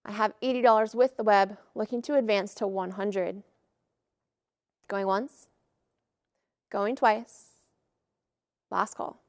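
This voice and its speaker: A woman auctioneer calling bids in a live auction with brisk, formulaic patter. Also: medium pitch, steady tone, dry recording, clean studio sound.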